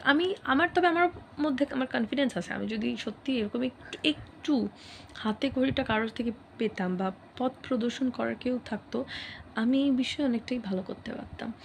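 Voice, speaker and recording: A woman's voice: on the high side, brisk, vocal fry, slight background noise. A woman vlogger talking candidly and reflectively in a casual personal chat. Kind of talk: casual personal talk to camera.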